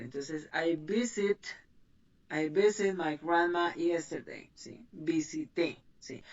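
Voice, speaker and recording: A woman teaching an online English class, explaining grammar patiently and checking that students follow. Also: lowish voice. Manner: patient, checks understanding with "¿sí?" and "¿listo?". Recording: muffled, distant mic.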